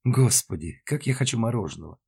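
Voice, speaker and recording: A man's voice: mid-range voice, expressive, a little fast, vocal fry, a little mellow, slightly rough, voice pushed up, exaggerated voice. A man voicing Irina, a brash, impulsive woman passenger with a cheeky, whiny manner in an audiobook.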